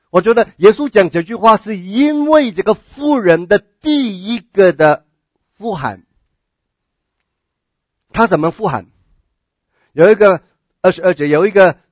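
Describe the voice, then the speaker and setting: A man's voice: high voice, no echo. A man preaching a sermon, earnest, often repeating words and asking the listeners questions. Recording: dull, dry lo-fi recording.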